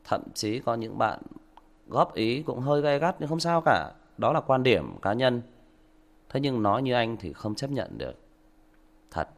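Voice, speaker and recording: Gravelly man lecturing a commenter. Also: mid-range voice, sing-song, unhurried. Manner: lecturing, mock-polite, emphatic rhetorical questions. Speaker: audiobook livestream host. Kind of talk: livestream monologue to a commenter.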